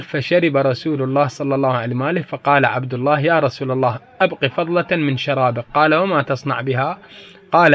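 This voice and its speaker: A man giving a classroom lecture as a religious teacher, repeating key phrases for emphasis and turning to his listeners directly. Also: mid-range voice. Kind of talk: classroom lecture on grammar and hadith. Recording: dull lo-fi recording.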